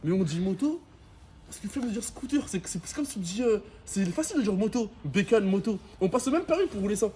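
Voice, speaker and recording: A man's voice: high-pitched, animated, quick pace, warm tone. A young man chats casually to camera in street slang, reviewing like a vlogger. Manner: French suburban street slang. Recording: noticeable ambient background noise.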